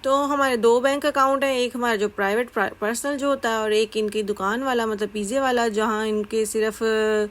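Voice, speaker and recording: A woman's voice: a little high, steady tone, a little fast, hardly any pauses, poor audio. A woman chatting casually into her phone while walking outdoors, breathing hard on the climbs. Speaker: vlogger. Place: outdoors in a German village. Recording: faint outdoor background noise.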